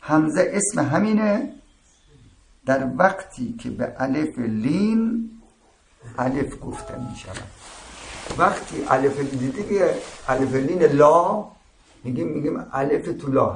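A man's voice: a little high, expressive, vocal fry. A man teaching a seminary class, explaining step by step and often checking that his students follow. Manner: explaining with frequent checks "درست شد؟". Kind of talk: religious seminary lecture. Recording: echoey room with faint ambient noise.

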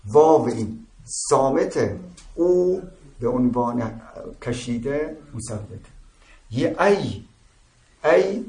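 Creaky and a little mellow, this man's mid-range voice carries a religious seminary lecture. He breaks ideas into steps and repeatedly asks "درست شد؟" to make sure the students keep up, while the echoey room holds faint ambient noise.

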